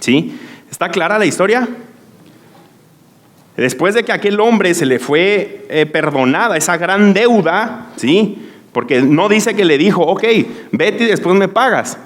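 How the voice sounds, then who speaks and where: Earnest high-voiced male preacher. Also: lively intonation, measured pace. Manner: earnest, checks with the congregation "¿sí?"; emphatic, repeats key phrases. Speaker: pastor. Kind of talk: sermon.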